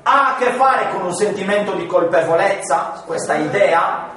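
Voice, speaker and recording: A man teaching a class on Genesis, animated and full of rhetorical questions, sometimes acting out voices. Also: high voice, moderate pace, slight background noise. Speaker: Bible teacher. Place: large room with listeners. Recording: echoey hall, distant mic.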